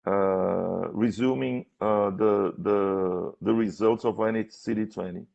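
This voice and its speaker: Halting, creaky-voiced man, slow academic questioner. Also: on the low side, steady tone, darkish tone. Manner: halting, hesitant, repeats words while searching for phrasing. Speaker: thesis defense examiner. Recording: dull, lo-fi sound.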